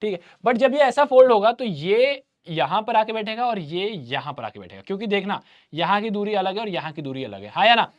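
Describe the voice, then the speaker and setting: A man teaching an online maths revision class, talking to students in a lively, chatty way and often answering for them. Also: sits high, a little fast. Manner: lively Hindi teacher, addresses students as bhaiya, voices their replies.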